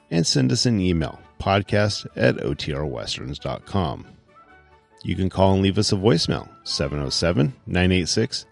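Podcast outro man, very low and animated, with gravelly creak. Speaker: podcast presenter.

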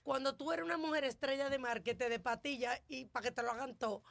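A woman's voice: high voice, steady tone, quick pace, gravelly, a bit bright, no echo. A woman on a talk show panel, speaking frankly with laughing asides. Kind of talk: lively studio banter.

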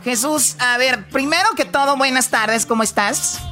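A woman's voice: high-pitched, animated, music in the background. A woman co-hosting a radio show and introducing a guest. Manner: chatty, brisk. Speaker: radio co-host. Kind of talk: radio chat, translating a clip.

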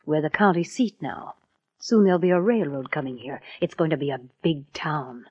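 A woman's voice: deep voice, normal speed, husky. An actress playing a scheming, seductive and imperious frontier woman in a 1950s radio western. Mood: coaxing, ambitious. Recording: muffled old 1950s radio recording.

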